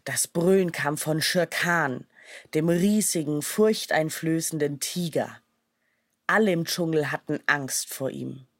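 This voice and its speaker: A woman narrating a children's storybook in a calm, measured way. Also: low-pitched, dry recording, studio quality.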